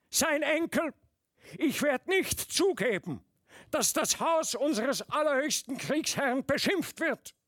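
A man reading a novel aloud voices a young army lieutenant who shouts indignantly in a strained, high voice. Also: dry recording, studio quality, exaggerated voice.

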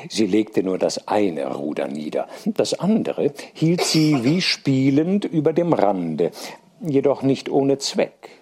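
A man with a husky, slightly breathy voice reads a classic story aloud. His delivery is measured yet expressive, and his pitch moves freely through each sentence. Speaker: reader. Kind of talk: literary reading.

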